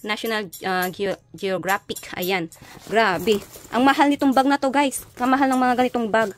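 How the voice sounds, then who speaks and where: A young adult woman from the Ilocos region of the Philippines with an Ilocano accent, chatting casually in a vlog and filling pauses with "ayan" and "guys". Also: fairly high pitch, steady tone, soft background music. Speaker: vlogger. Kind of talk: casual vlog showing found items. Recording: noisy background.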